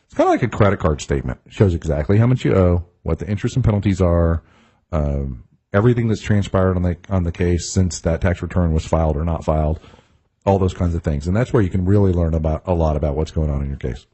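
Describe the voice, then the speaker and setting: A man's voice: low-pitched, quick pace, warm tone, breathy edge. A middle-aged man, a tax attorney hosting a radio talk show, explaining things in a casual way with wry asides.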